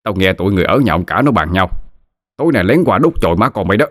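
A man voicing a thin village uncle who shouts urgent warnings. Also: sits low, expressive, racing, no room sound, studio quality.

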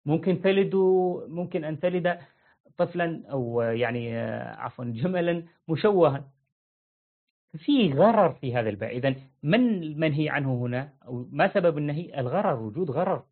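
A man teaching a religious lesson, explaining rulings with lively everyday examples and acting out buyers and sellers. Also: fairly high pitch, a little fast. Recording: tinny phone-like line.

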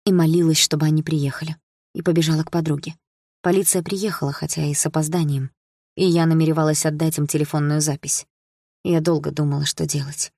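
A woman narrating a first-person audiobook in a steady, dramatic storytelling manner. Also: low voice, no echo, studio quality.

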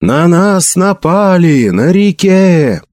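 A man voicing an old priest who was once an officer, talking low and urgent. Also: big pitch swings, slow, no room sound, studio quality, full character voice. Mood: alarmed shout. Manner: low urgent whisper, then booming shouts.

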